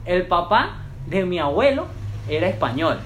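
A young woman with a Venezuelan accent talks in a fairly low voice. She chats casually and rambles with plenty of slang. Faint background noise runs under her. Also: sing-song, measured pace. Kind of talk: casual chat.

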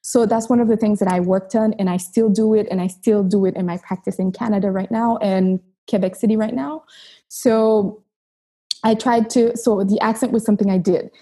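In an earnest, reflective interview, a chiropractor from Haiti, a native Haitian Creole speaker, shares her story and often restarts her sentences. She has a mellow, medium-pitched voice with a steady tone, a breathy edge and a moderate pace.

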